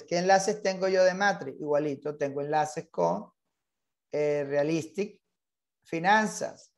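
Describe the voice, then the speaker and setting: A man's voice: on the high side, vocal fry, a little mellow. A man leading an online real estate training class, insistent and repetitive, mixing English terms into his Spanish.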